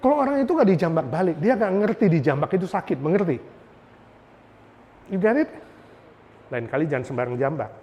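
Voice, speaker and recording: A man preaching a lively sermon as a pastor, often asking the congregation questions and slipping in English phrases. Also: high voice. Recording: long hall reverb.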